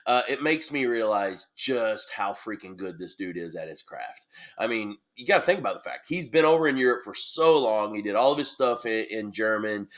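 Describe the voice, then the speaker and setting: A man hosting a solo podcast, talking in an excitable, casual way with lots of fillers and the odd swear. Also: fairly low pitch, normal speed. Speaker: podcast host. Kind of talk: solo podcast wrestling recap.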